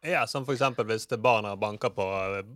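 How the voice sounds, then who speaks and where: A man's voice: mid-range voice, fairly bright tone, no echo. Joking man in his forties, dry sound. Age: 40s. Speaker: podcast co-host. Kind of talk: casual chat.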